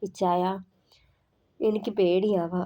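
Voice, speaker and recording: A woman's voice: lowish voice, steady tone, slow, dark tone. A woman voicing a tearful, clinging young woman in an audio story. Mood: pleading. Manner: tearful, pleading.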